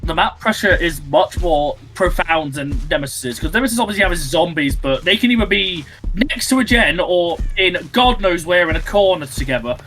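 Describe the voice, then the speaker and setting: A man giving live esports commentary on a match, animated and rambling, full of fillers and restarts. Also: sits high, brisk, few pauses, over music. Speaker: esports caster.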